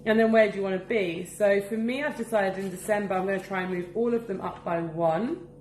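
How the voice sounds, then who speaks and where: A woman's voice: medium pitch, brisk, a little mellow, echoey room, a little hiss or hum. A woman chatting casually and cheerfully in a daily vlog at home, laughing often. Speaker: vlogger and business owner. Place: at home, indoors.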